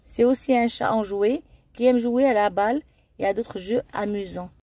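A woman narrates a scripted documentary in a steady reading voice. Her tone is warm and mellow rather than bright. The recording is dry and close. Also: fairly high pitch, moderate pace, no room sound. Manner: steady reading with occasional slips. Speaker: narrator of a documentary-style video.

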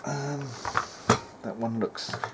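A medium-pitched man speaks at a slow pace while hosting an informal, hands-on electronics demo at an indoor workbench. He repairs electronics as a hobby and thinks aloud with hesitation, and the workshop room has clear background noise.

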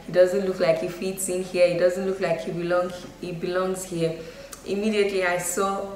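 A young woman giving her opinions in a casual vlog, talking loosely with lots of fillers. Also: lowish voice. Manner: chatty, frequent "you know" and "um" fillers. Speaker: YouTube vlogger. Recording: echoey room with faint noise.

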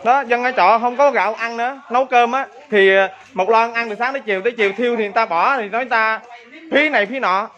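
A man speaks in a high, bright voice, fast and indignant, pressing each complaint hard. The phone recording sounds muffled and dull. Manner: indignant, insistent. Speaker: resident complaining about local leader. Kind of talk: on-camera complaint.

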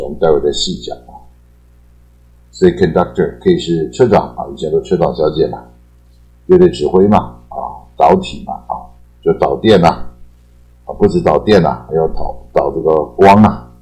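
A man with a deep, low voice explains English words in a relaxed, conversational teaching style. He repeats key terms and tags his phrases with a drawn-out particle. Faint instrumental music plays softly behind him. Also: low-quality recording. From Taiwan. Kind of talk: casual explanatory lecture.

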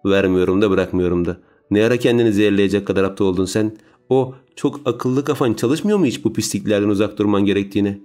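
A man's voice: on the low side, expressive, fast talker, a little mellow, soft background music, natural voice. A man voicing a stern, protective young man in an audiobook, speaking firmly. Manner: stern, firm.

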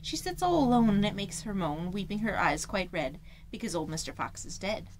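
A woman's voice: medium pitch, animated, moderate pace, a little hiss or hum, lightly acted. A woman voicing a female house cat who works as a maid, answering in sing-song rhymes. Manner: sing-song rhyming replies.

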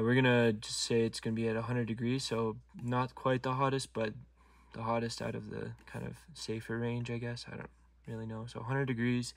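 A man with a mid-range voice, some vocal fry and a little hiss or hum in the audio narrates a steering wheel module install from inside his truck. Filmed on a phone as he works, this DIY car tutorial maker proceeds slowly and methodically, calmly talking through each step with occasional near-whispered asides.

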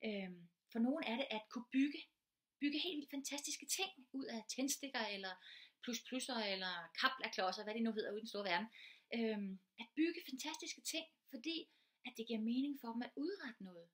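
An earnest woman teacher gives an informal lecture in a slightly high, somewhat bright voice. She explains patiently, stacking up concrete everyday examples to make each point clear.

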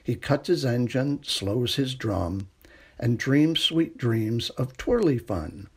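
Slow, husky man reading a bedtime story. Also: medium pitch, lively intonation. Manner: gentle, unhurried bedtime delivery with hushed refrains. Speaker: storytime reader. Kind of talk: reading a children's picture book aloud.

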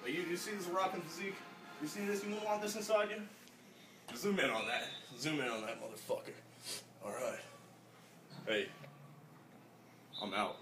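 A man's voice: fairly high pitch, animated, moderate pace, pauses often, recorded from a distance, over music, close to an everyday voice. A young man playing a brash, crude 1980s fitness instructor in a swaggering, rambling comedy sketch. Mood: cocky. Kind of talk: improvised mock-interview comedy sketch. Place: small indoor room. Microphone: phone camera a few feet away. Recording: echoey room, off-mic phone video.

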